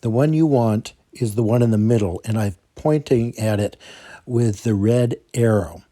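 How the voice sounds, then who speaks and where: A man's voice: lowish voice, moderate pace, warm tone. A man narrating step-by-step instructions as a tutorial presenter, explaining carefully and repeating key points.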